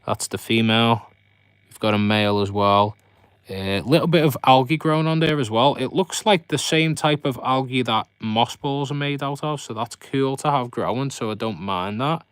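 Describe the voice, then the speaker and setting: A man's voice: medium pitch, normal speed, a bit bright, smooth, no room sound. Chatty man, close dry sound. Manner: rambling, chatty commentary with viewers addressed directly. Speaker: host of a fishkeeping live stream. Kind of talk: casual live chat, showing his fish tanks.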